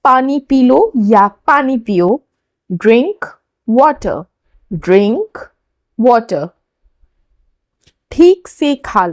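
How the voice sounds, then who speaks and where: Slow, lively woman teaching English phrases. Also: on the high side, no echo. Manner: says each English phrase slowly twice for learners to repeat. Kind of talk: slow, deliberate spoken-English lesson.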